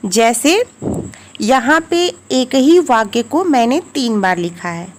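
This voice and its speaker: A woman teaching a grammar lesson in slow, clear explanations, her voice rising brightly on the examples. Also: on the high side, expressive.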